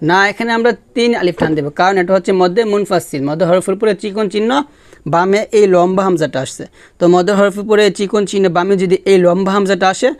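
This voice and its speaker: A man teaching Quran recitation, spelling out letters and chanting words slowly with long drawn-out syllables. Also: sits high, no echo. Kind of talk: tajweed lesson, spelling and slow recitation.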